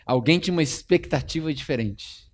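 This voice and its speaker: A calm male teacher insists quietly that someone is calling him, voiced by a preacher. His delivery is steady and a bit lower. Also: brisk, close to an everyday voice. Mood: calm insistence.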